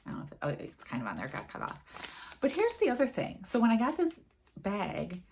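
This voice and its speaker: A woman's voice: a little high, wildly swooping pitch, a little fast, gravelly, darkish tone, a little hiss or hum. An American woman chatting casually about her cross-stitch project, rambling and dropping lots of fillers. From United States. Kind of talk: casual chat.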